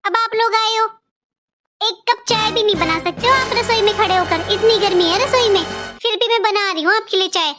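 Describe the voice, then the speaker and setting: A woman's voice: very high-pitched, normal speed, over loud music. A woman voicing a house-proud, passive-aggressive sister-in-law in a cartoon, complaining in a whiny, sugary tone. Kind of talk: cartoon voice acting.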